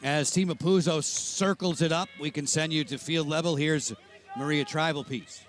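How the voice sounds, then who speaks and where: A man doing play-by-play commentary for a live lacrosse broadcast, with a steady, informative delivery. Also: fairly high pitch, normal speed, low-quality recording.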